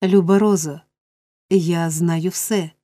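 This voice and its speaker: A woman's voice: fairly low pitch, steady tone, takes it slowly, dark tone, no echo. A woman voicing an earnest young man in love, pleading insistently in an audiobook reading.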